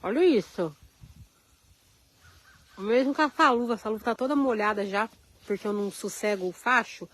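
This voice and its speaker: A woman's voice: fairly high pitch, normal speed, pauses often, a bit bright, low-quality recording. A woman with a Carioca Brazilian accent, chatting on a live vlog outdoors in the snow, greeting viewers by name as she walks around, feeling the cold. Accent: Carioca Brazilian Portuguese. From Rio de Janeiro, Brazil. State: cold, chilled hands. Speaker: vlogger. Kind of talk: live-stream chat outdoors, reading viewer comments. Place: outdoors at a snowy RV park.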